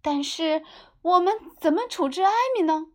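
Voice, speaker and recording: A fretful, caring mum from a children's storybook, acted by a woman narrator. Her voice sits high and the words come out with care. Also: normal speed. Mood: worried. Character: fretful, caring mother of a sleepy girl. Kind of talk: storybook character voice.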